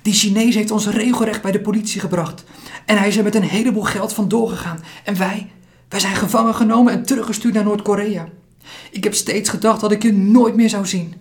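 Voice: mid-range voice, level tone, unhurried, long pauses, fairly bright tone, pitched above the performer's own voice, natural voice. Een voorlezer als een jonge jongen die hakkelt, met een stem die duidelijk hoger klinkt dan de verteller. Het geluid is dat van een voorgelezen verhaal. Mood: upset. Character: frightened, stammering young Korean boy.

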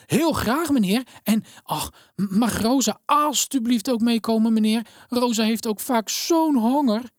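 A woman's voice: a little high, measured pace, few pauses, dry recording, studio quality, pitched above the performer's own voice, lightly acted. A woman voicing an eager, timid young girl who stammers and pleads hopefully. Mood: pleading.

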